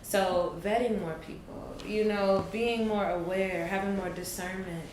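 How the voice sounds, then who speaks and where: A woman's voice: medium pitch, fairly even intonation, darkish tone. A woman in her late twenties, thinking aloud in an earnest, reflective casual chat. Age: 20s. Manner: earnest, thoughtful, drawn-out pauses. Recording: echoey room with faint noise.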